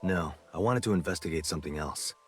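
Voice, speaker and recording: An actor playing a serious special agent in a game, speaking in an earnest, grave manner. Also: male voice, low-pitched, quick pace, lightly acted. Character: serious male special agent recounting his investigation. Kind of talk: scripted game acting. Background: music.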